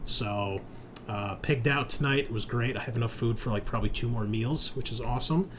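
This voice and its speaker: Running a tabletop roleplaying game as host and game master, this man speaks fairly quickly at a medium pitch, keeping the podcast chat loose and informal and swearing now and then. There is background noise in the recording.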